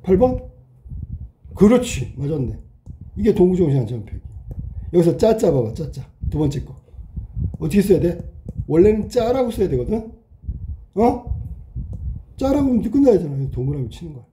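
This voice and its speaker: A male teacher lecturing a class in a very dark, mellow voice. He keeps checking understanding with quick questions. A faint hiss sits under the recording. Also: high voice, sing-song. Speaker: Korean language teacher. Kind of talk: classroom lecture, explaining while writing.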